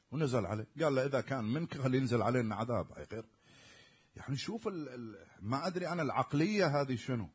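A man's voice: fairly low pitch, husky. A man preaching a sermon in an Iraqi Arabic accent, stressing words hard and then dropping almost to a murmur. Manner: emphatic, swinging from loud stresses to near-murmurs.

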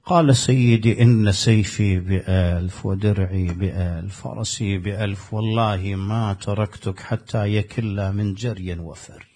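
A man's voice: fairly low pitch, fairly even intonation, measured pace, hardly any pauses, warm tone. A man preaching a sermon, telling a story with passion and acting out the dialogue of the people in it. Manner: impassioned, acts out quoted dialogue with rising force.

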